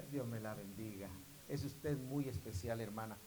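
A man preaching a sermon to his congregation, repeatedly calling out to them and rising into loud, emphatic bursts. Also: mid-range voice, slow pace, a crowd in the background, low-quality recording.

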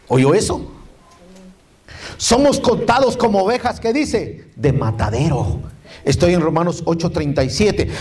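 Animated man preaching a sermon. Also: a little high, slightly rough. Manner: calls on the congregation to repeat phrases; keeps saying "hermano" and "mire".

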